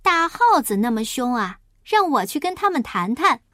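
A carefree young snake, as a woman reading a storybook puts him on, chatty and a bit sheepish. The voice sits fairly high and swings about freely. It is recorded dry and close. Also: big pitch swings, normal speed, bright, forceful tone, no room sound. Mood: cheerful. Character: cheerful, easygoing young snake.

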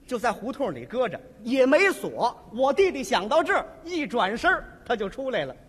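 A man performing crosstalk, telling the story in an animated, theatrical way. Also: very high voice, moderate pace, husky. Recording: stage recording with long reverb.

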